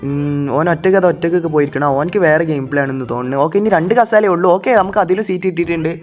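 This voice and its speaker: A man narrates his gameplay at a rapid clip. His voice sits a little high, and his talk to the viewers is chatty and loose, with frequent restarts and self-corrections. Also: faint music behind. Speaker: gaming video creator. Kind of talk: playful gameplay commentary.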